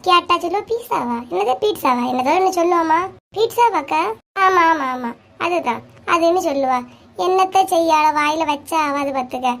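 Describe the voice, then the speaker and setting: Cartoon comedy: woman playing squeaky, nagging village neighbor women, Kanyakumari Tamil accent, scolding banter. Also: animated, moderate pace, a bit bright, exaggerated voice. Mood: bickering. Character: bickering, sharp-tongued village women neighbors.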